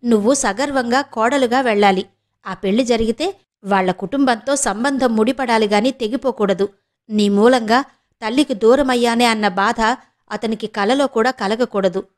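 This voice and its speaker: A woman's voice: on the high side, normal speed, close to an everyday voice. A woman voicing a young woman, a firm, protective elder sister who presses with questions. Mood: reassuring.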